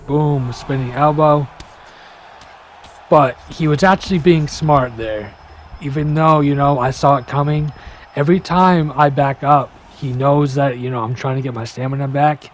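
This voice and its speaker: A man's voice: medium pitch, steady tone. Young guy talking over gameplay footage, loose and chatty, lots of fillers, mid voice, light noise. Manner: casual, filler-heavy, talks fast to keep up. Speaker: gaming YouTuber. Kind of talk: gameplay breakdown commentary.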